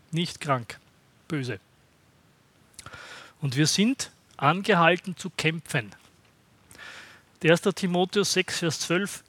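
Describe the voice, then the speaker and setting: Man, preaching a sermon, conversational, somewhat high voice, dry close sound. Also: pushed and bright, no room sound. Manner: conversational, checks in with the congregation by asking "Ja?".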